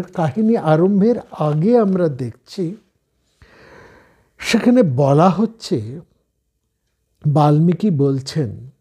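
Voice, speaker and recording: A man with a Bengali accent giving a slow, measured scripture discourse, explaining each point step by step. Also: a little high, mellow, slightly rough. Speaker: spiritual speaker.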